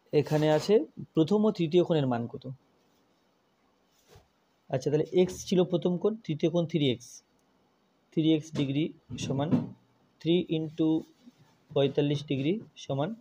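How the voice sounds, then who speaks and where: A man's voice: a little high, warm tone, breathy edge. Methodical man teaching math. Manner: methodical, repeats each step while working. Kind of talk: step-by-step math lesson.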